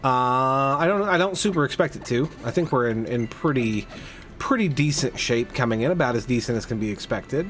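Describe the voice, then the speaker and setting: A man's voice: mid-range voice, lively intonation, normal speed, a bit bright. A man hosting a casual game playthrough, chatting and rambling through his moves with frequent restarts. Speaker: host of a game playthrough podcast. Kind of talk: casual let's play commentary.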